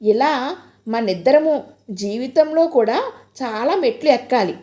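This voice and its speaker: A woman voicing a shy young man in love who speaks softly and hesitantly. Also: sits high, lively intonation, a little slow. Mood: gentle. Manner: soft, hesitant, pleading.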